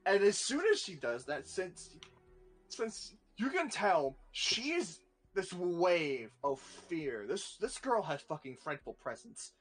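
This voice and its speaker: A man narrating a tabletop game as game master in a lively, swearing storytelling manner. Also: a little high, slow, faint music behind. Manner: animated, swearing, laughing storyteller.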